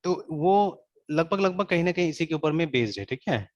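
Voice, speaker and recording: This man has a fairly high, lively voice and talks at a normal speed, with no room sound audible. He's leading a casual online programming class, slipping English into his talk and asking "theek hai" again and again, all captured in a dull, dry lo-fi recording.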